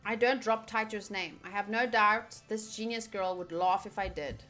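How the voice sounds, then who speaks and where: A medium-pitched woman with a sharp tone and moderate pace plays a visual novel on stream. Reading the game text aloud, she reacts to the story and her viewers in easygoing chatter, with game music in the background.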